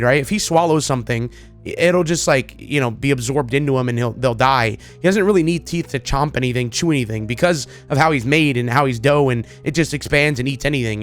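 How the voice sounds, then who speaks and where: This gaming content creator, whose voice is slightly high, gives loose, excited, casual commentary that rambles around. Music can be heard faintly behind him.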